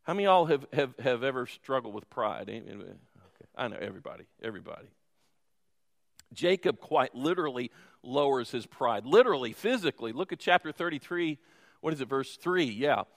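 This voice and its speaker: A man's voice: mid-range voice, expressive, fairly quick, gravelly. A man preaching a sermon in a conversational way, asking the congregation questions and joking with them. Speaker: pastor. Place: church sanctuary. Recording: reverberant church hall.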